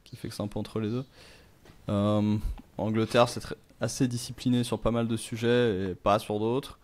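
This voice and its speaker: A middle-aged man in casual conversation who thinks out loud, rambling with many fillers. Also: lowish voice, little pitch movement, moderate pace.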